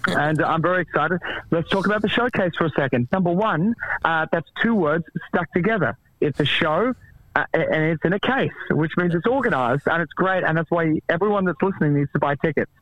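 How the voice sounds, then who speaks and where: A man, a few drinks in, jokes his way through a phone-in chat. His voice sits a little high, and the sound is dry and close, the way it comes through on a call. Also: fairly quick, a bit bright, no echo, highs cut off. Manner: joking, laid-back. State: tipsy. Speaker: comedian guest calling in.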